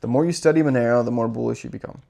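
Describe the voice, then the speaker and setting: A man's voice: mid-range voice, racing, gravelly, dark tone. A man hosting his own channel, delivering an impassioned, profane and repetitive rant. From United States. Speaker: crypto channel host. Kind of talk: impassioned monologue.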